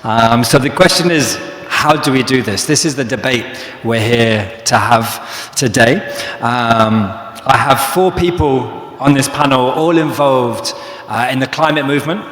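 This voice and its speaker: A man from London with a London accent, moderating a live panel, talking quickly with fillers. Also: mid-range voice, a bit bright. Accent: London English. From London, England. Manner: quick talker with frequent fillers. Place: large echoey hall. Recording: echoey hall with long reverb.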